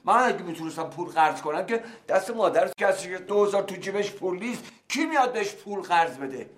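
An actor playing a stubborn, middle-aged bankrupt merchant father who insists loudly and raises his voice. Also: high voice, expressive. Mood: exasperated. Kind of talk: TV drama acting.

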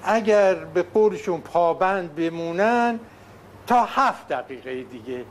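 An actor playing a polite mover who apologizes formally and hesitantly. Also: male voice, sits high, animated, a little hiss or hum. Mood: apologetic.

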